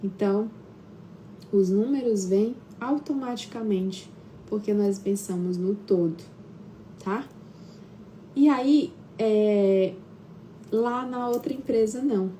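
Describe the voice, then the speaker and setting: A woman's voice: mid-range voice, slow pace, long pauses, dark tone, slight background noise. A woman with a Brazilian Portuguese accent, a therapist hosting a live stream from home, talks casually with frequent tag questions and hesitations. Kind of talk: casual live-stream talk, personal storytelling.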